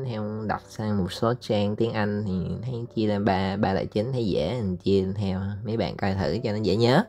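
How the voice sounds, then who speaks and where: Male teacher with a Southern Vietnamese accent and a very low voice, chatty and halting, faint music underneath. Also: a little mellow. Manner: chatty, hesitant with many fillers, drawls out English words slowly for repeating. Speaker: English teacher. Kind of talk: casual recorded lesson explaining slides.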